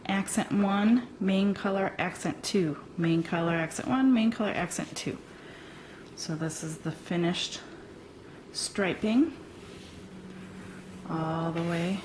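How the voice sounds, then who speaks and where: Slow, hesitant woman teaching crochet. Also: medium pitch, darkish tone, slight background noise, poor audio. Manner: slow, hesitant with frequent ums, talking while working. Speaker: crochet instructor. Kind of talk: step-by-step tutorial.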